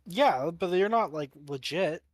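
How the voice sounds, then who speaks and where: A man's voice: a little high, lively intonation, measured pace, dry recording, studio quality. A man from Canada co-hosting a live reaction stream, blunt and playful in casual banter. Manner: blunt, playful, laughs along. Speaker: co-host.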